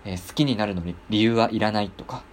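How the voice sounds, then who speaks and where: A man's voice: on the low side, quick pace, a little hiss or hum. A man hosting a casual talk show, speaking politely with many hesitant fillers. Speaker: podcast host.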